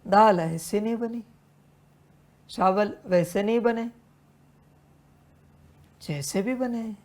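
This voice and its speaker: Speaking slowly in a medium-pitched, slightly mellow voice, a woman delivers a devotional sermon as a spiritual teacher. She admonishes her listeners as though they were children, using repeated refrains and rhetorical questions.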